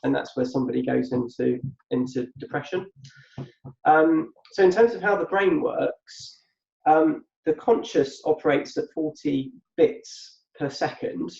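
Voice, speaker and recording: Co-hosting a podcast, this adult man who once ran a business gives reflective, conversational explanations, thinking aloud and repeating words. He speaks at a measured pace in a slightly high, creaky voice with a darkish tone. The recording has a muffled, echoey room sound.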